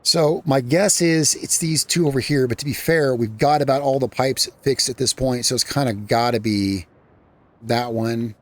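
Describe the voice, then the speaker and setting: A man hosting a gaming channel, talking through his gameplay in a casual, rambling way that often corrects itself midway. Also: lowish voice. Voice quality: rambling, self-correcting, chatty.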